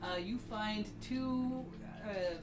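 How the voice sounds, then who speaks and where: A woman's voice: medium pitch, extremely slow, roomy sound, distant mic, music in the background. A woman running a tabletop game as game master, narrating with many fillers and restarts. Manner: hesitant, lots of fillers and restarts.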